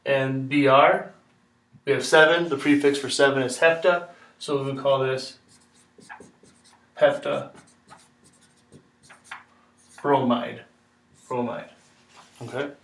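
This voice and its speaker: A man teaches a chemistry lesson step by step, patiently repeating himself and checking in with "okay?" His medium-pitched voice is steady and a bit bright, with a slow pace and frequent pauses. The room echoes and the mic is far away.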